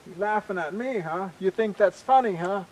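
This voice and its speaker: A man's voice: on the high side, normal speed, recorded from a distance, lightly acted, poor audio. A man voicing an angry, vengeful male skunk chief in a spoken folk tale, with indignant outbursts. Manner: indignant, taunt-answering outbursts.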